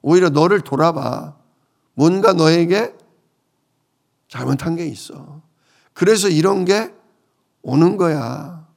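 A man's voice: fairly high pitch, takes it slowly, gravelly, pauses often. A man voicing a blunt older male friend who scolds a suffering man and lectures him to repent. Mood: rebuking. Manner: rebuking, lecturing.

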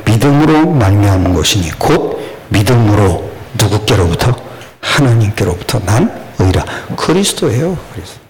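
An older man preaching a sermon, questioning the congregation and swinging between loud rises and low murmurs. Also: very animated, normal speed, slight background noise, rough recording. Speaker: pastor.

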